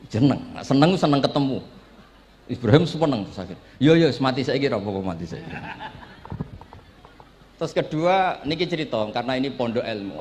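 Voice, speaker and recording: A man's voice: medium pitch, slight background noise. Javanese man preaching with playful stories. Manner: storytelling with acted dialogue and joking asides. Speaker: Islamic preacher. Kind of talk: Javanese pesantren sermon.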